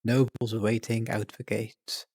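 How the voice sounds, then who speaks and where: Low-voiced man thinking aloud. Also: level tone, a little mellow, breathy edge, dry recording. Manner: thinks aloud with many pauses and fillers. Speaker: roleplay participant. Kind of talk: casual voice chat.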